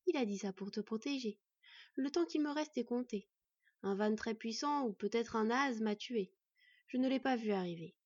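A woman's voice: a little high, normal speed, no room sound, highs cut off. Woman reading as a tender dying elf mother. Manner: soft, tender, sing-song.

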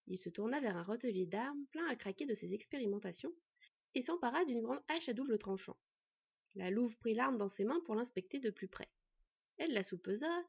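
A woman narrates a fantasy audiobook in a steady, even way, her voice husky and slightly high. The recording sounds dull and lo-fi.

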